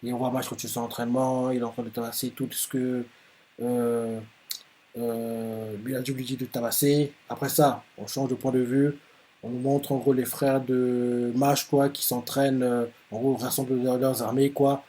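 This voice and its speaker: Man with a mellow, low-key voice, rambling through a manga chapter recap full of fillers. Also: flat delivery, normal speed. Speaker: manga reaction host. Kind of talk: casual retelling of a manga chapter.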